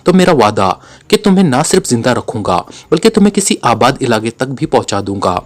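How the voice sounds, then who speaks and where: A man's voice: mid-range voice, sing-song, a little fast. A man voicing a cold, commanding secret agent in a spy story read aloud. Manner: cold, serious delivery.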